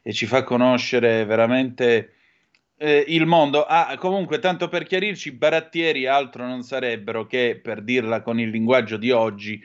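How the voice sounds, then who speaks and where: Smooth-voiced man hosting radio. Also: medium pitch, normal speed, muffled recording. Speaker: radio host.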